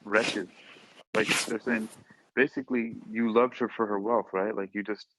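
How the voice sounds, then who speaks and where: Against a noisy background, a man with a fairly low voice and fairly even intonation speaks at a moderate pace. Hosting a podcast, he chats casually about poetry and reads it, questioning things in a playful, mock-exasperated way. The recording sounds dull and lo-fi.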